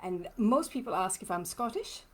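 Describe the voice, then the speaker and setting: A lymphoedema therapist from Trinidad talks expressively at normal speed in a medium-pitched voice during a live stream, answering viewer comments. Her accent is a hard-to-place mix, and she comes across as chatty and personal, laughing often.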